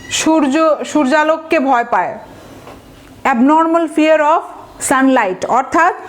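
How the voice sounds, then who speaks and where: A woman with a Bangladeshi accent gives an exam-prep vocabulary lesson in a high voice. She explains word roots step by step and keeps checking that her listeners follow. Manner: explains patiently with frequent checking questions. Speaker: vocabulary teacher.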